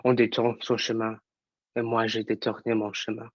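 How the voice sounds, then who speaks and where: A man's voice: lowish voice, monotone, moderate pace, no echo, highs cut off, natural voice. A man playing an angry young actor. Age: young adult. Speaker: student actor. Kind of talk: theatre monologue.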